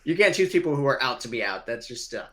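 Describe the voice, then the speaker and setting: A man's voice: medium pitch, very animated, fast talker, a bit bright. A young man co-hosting a casual fantasy football show, talking loosely and animatedly with some swearing. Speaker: podcast co-host. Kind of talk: casual sports chat.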